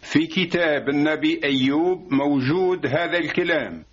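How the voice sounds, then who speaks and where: A man with an Algerian Arabic accent narrates a religious parable in a calm, explanatory way. His voice sits a little high for a man and has a husky edge. The recording is dull and lo-fi. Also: normal speed. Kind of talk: religious storytelling.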